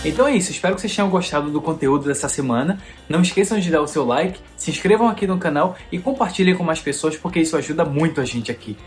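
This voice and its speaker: A man's voice: on the high side, lively intonation, quick pace, hardly any pauses. A man from Recife, narrating a travel vlog voice-over in a friendly, upbeat way, with music playing underneath. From Recife, Brazil. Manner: friendly, upbeat, recommending places. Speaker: travel vlogger. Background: background music.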